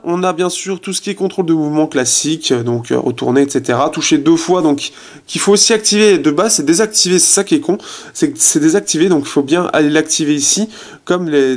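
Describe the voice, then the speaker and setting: A man's voice: fairly high pitch, fast talker. A man giving a casual phone review in his apartment, chatty and full of fillers, trailing off as he tests features. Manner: chatty, many fillers, trails off while testing. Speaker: tech reviewer. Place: his apartment, resonant room.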